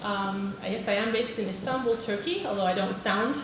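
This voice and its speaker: Brisk and medium-pitched, a British teacher trainer delivers a friendly conference presentation, polling the audience and frequently saying "okay." The setting is a large hall, and the distant mic yields an echoey, noisy recording.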